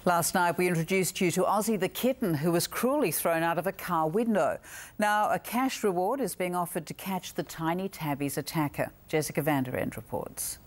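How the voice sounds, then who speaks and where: A woman anchors a news bulletin in an Australian accent. Her voice is slightly low for a woman, and she reads from a script. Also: moderate pace.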